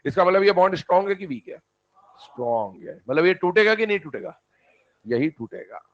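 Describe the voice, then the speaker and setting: A man teaching a chemistry lesson in a lively lecturing manner, putting questions to students and answering them himself. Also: high voice, a little fast, lo-fi sound. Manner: animated, calls students "beta", answers his own questions. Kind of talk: classroom lecture.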